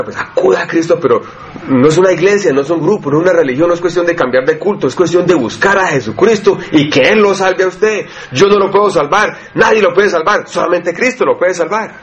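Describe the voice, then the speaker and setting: Preacher, talky and lively. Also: male voice, a little high. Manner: conversational, asks the congregation questions, acts out everyday voices. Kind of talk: sermon. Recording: dull lo-fi recording with faint noise.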